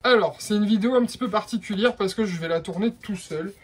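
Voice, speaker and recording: A man's voice: high-pitched, fast talker, over music. A man from France with a French accent, explaining a how-to in a hesitant vlog style with many fillers. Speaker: vlogger.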